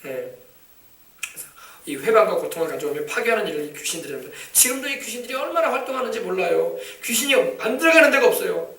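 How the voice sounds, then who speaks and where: A man preaching a sermon, emphatic and shouting commands at demons, often asking the congregation for replies. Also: high voice, very animated, fast, gravelly. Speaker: pastor. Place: church sanctuary. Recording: echoey church, mic from a distance.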